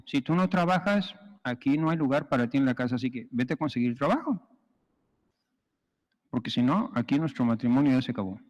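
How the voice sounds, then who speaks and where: A man's voice: mid-range voice, expressive, brisk, darkish tone, highs cut off, voice pushed down, lightly acted. A priest voicing a stern, fed-up wife who curtly gives her husband an ultimatum, in a long church reverb. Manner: curt, matter-of-fact.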